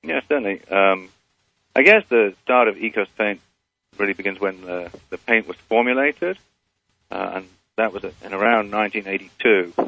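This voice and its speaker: A man's voice: fairly low pitch, normal speed, vocal fry, no echo, muffled recording. A man as a guest on a phone interview, speaking hesitantly with many fillers, his phone held away from his mouth so he sounds faint and distant.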